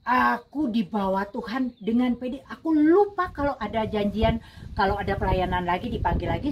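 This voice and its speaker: A woman's voice: a little high, highs cut off. A middle-aged woman minister telling a personal testimony in a sermon, speaking emotionally and addressing the congregation directly. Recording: voice from a distance with clear background ambience.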